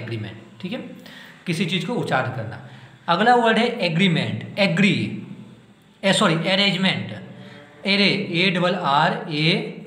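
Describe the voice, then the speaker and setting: A male teacher, his voice sitting a little high, works through an exam-prep spelling lesson. He speaks very slowly, spelling each word letter by letter. He asks the class questions and answers them himself, in an echoey room. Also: fairly bright tone.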